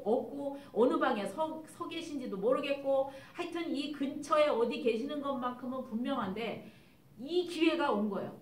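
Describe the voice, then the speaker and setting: Woman missionary preacher, fairly high voice, emphatic, rhetorical questions, echoey sanctuary, far mic. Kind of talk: sermon. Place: church sanctuary. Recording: echoey church hall, distant mic.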